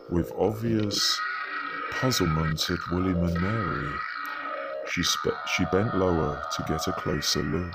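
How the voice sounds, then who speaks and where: A man reads a children's novel aloud as its first-person narrator, in a steady, storytelling way. His voice is very deep and unhurried, with loud music running underneath. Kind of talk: storybook reading.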